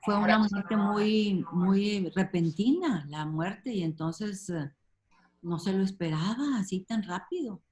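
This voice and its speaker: A woman leads a relaxed Bible study group over a video call. She talks in an unhurried, gentle way and leans on little fillers as she goes. Her voice sits at an ordinary pitch for a woman. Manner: warm, unhurried, many fillers like "este" and "ujú".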